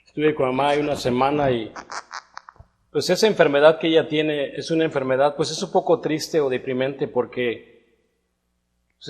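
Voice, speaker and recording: Preacher man in a reverberant church. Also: medium pitch. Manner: conversational, building to emphatic rhetorical questions. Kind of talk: sermon. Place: church hall. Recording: long reverb of a church hall.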